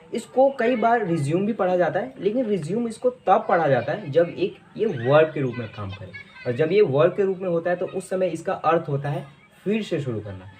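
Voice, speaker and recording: A man teaching English pronunciation in Hindi, explaining each word patiently and repeating it slowly. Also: on the high side, darkish tone, slight background noise. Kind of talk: explaining lesson to camera.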